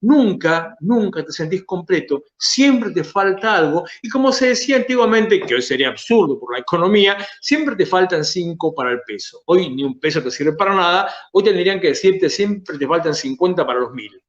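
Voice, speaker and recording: A pastor with an Argentine Spanish accent preaching a sermon, stretching key phrases for emphasis and then dropping to soft, low asides. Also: male voice, expressive, normal speed, few pauses, reverberant, lo-fi sound.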